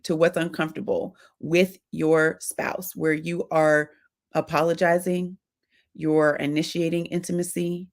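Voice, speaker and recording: A middle-aged woman with a gravelly, low voice gives marriage advice to wives in a casual talk. She speaks directly and animatedly, slipping into little acted-out exchanges between spouses. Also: level tone, a little slow. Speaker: marriage coach and host.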